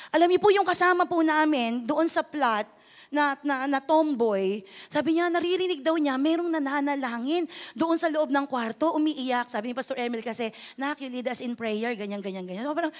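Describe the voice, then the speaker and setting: A woman pastor delivers a sermon in a high voice, mixing English phrases into her preaching. She calls for amens and applause from the congregation. She rises to loud exclamations and drops to hushed, low lines.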